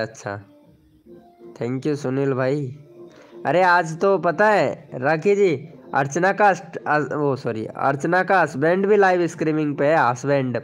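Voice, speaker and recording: Chatty Hindi-speaking man live-streaming over music. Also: on the high side. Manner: chatty, reads viewer names and comments aloud. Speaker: live stream host promoting channels. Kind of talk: casual live-stream chat with viewers. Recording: faint background music.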